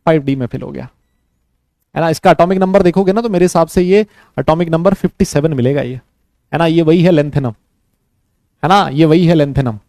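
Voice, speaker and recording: A man's voice: on the high side, moderate pace, long pauses, no room sound. A male chemistry teacher giving a classroom lecture. He checks with the class after nearly every sentence, coaxes students to answer, and jokes with them along the way. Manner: lively, joking teacher banter.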